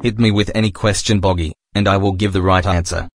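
A man's voice: deep voice, steady tone, fairly quick, no echo. A man voicing a young, cocky yet anxious underdog contestant in a cartoon quiz show parody. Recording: clearly noisy background.

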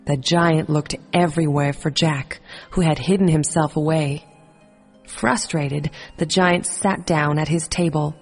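A woman narrating a children's fairy tale in a calm, measured storytelling manner. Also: low voice, slightly rough, long reverb tail, faint music behind.

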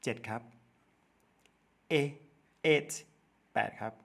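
A man with a Thai accent teaching young children English numbers, spelling out letters one at a time and repeating each word slowly. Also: a bit bright. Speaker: primary school English teacher. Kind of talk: slow step-by-step lesson narration.

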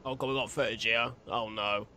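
Recording from a small room at home, right up on a large desktop condenser microphone, a young horror-reaction creator jokes casually and cries out in dread. He talks a little fast in a mid-range voice that's steady, bright and forceful. Slight background noise can be heard.

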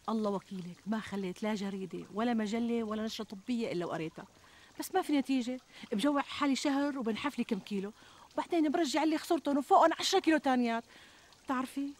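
An actress playing a plump, middle-aged Syrian housewife who complains expressively and plaintively in a TV comedy. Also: female voice, a little high, darkish tone, natural voice. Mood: exasperated, insistent. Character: plump, fretful, self-deprecating housewife and mother. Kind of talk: conversational TV comedy sketch acting. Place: outdoors in a garden. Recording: outdoor ambience, trickling water noise.

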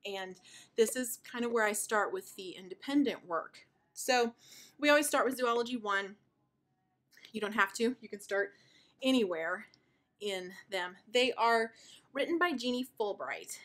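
A woman's voice: a little high, unhurried. Woman, 30s, out of breath, sighing, chatty, enthusiastic, homeschool show-and-tell. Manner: chatty and warmly enthusiastic, with fillers. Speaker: homeschooling mother and video host. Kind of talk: casual show-and-tell explanation.

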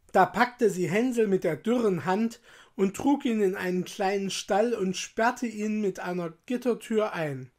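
Slow, calm woman reading a fairy tale. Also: mid-range voice. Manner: calm, measured storytelling. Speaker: storyteller. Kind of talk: fairy tale read aloud.

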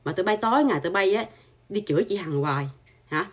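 A woman's voice: mid-range voice, animated, fast talker, husky. A woman, hosting her channel with an angry, scolding monologue full of insults and filler particles. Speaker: channel host.

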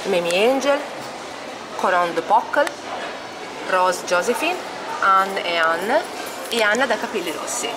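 Woman giving a casual tour of her collector's stand, with loud hall noise. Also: mid-range voice, animated, a little slow, pauses often. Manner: walking the camera through display cases, listing items with small hesitations. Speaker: collector showing her exhibit. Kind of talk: casual guided tour narration. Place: indoor convention hall stand. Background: loud convention crowd ambience.

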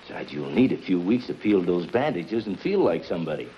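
In a 1950s television crime drama, an actor plays a tough, practical henchman who speaks in clipped, hard-boiled, businesslike lines. His low voice is very animated and fairly quick, heard through a muffled, hissy TV soundtrack of the era.

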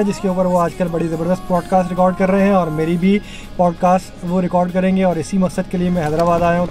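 A man's voice: high voice, mellow. A man, chatting enthusiastically to camera as a food vlog host, recorded on a phone at arm's length. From Pakistan. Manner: upbeat, enthusiastic, chatty, addressing the viewer. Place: outdoors at a bakery courtyard, in a car and at a street stall. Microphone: phone held at arm's length.

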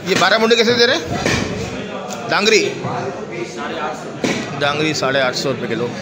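This market vlogger speaks with a Pakistani Urdu accent in a fairly high voice with big pitch swings at normal speed. Phone in hand, he tours a crowded indoor fish market, describing each fish and shouting price questions to sellers amid the loud crowd.

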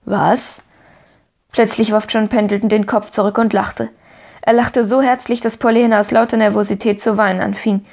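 A woman narrating a children's storybook in a calm, measured way. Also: mid-range voice. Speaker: audiobook narrator. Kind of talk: scripted narration.

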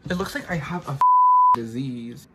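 A man's voice: medium pitch, lively intonation, moderate pace, heavy background noise. A young man vlogging casually, dramatic and self-mocking, with frequent swearing. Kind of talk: casual vlog chat. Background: loud guitar music.

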